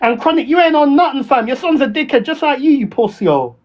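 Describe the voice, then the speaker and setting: A man's voice: extremely high pitch, lively intonation, fast talker. A man with a London roadman accent and slang, ranting on a livestream in a taunting, confrontational, repetitive way. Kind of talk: ranting livestream trash talk. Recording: dull lo-fi audio.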